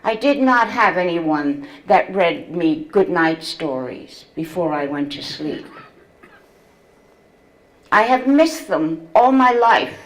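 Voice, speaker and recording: A woman in her seventies, a memoir author reading from her book and telling her story to an audience in a slow, measured way. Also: lowish voice, lively intonation, low-quality recording. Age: 70s.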